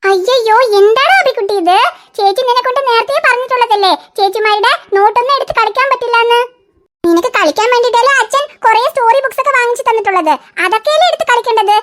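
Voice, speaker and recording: A woman's voice: extremely high pitch, fast, a bit bright. A woman voicing a bossy, teasing teenage older sister in a cartoon. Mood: chiding. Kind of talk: cartoon voice acting.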